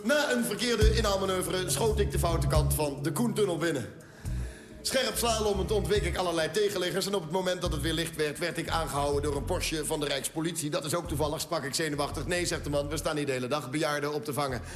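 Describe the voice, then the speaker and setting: A man telling a comic story on stage in a dry, deadpan manner, slipping into acted quotes. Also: on the high side, a little fast, over music. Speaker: cabaret comedian. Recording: roomy stage recording, faint hiss.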